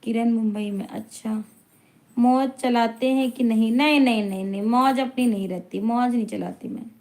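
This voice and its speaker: High-voiced chatty woman live streamer. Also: fairly even intonation, normal speed, darkish tone. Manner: chatty, teasing, laughs often. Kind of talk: live-stream chat, reading viewer comments aloud.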